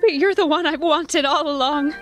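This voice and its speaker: A woman's voice: sits high, normal speed, over music, lightly acted. An actor voicing a lovestruck, melodramatic woman as the heroine of a comedy audio drama. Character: breathless, lovestruck romantic heroine, melodramatically remorseful.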